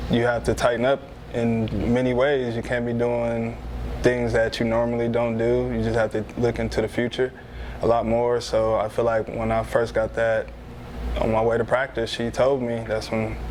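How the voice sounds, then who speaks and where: A man in his twenties, a father on a discussion panel, speaking casually and plainly. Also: mid-range voice. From Arizona. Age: 20s. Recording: noisy room with air conditioning hum.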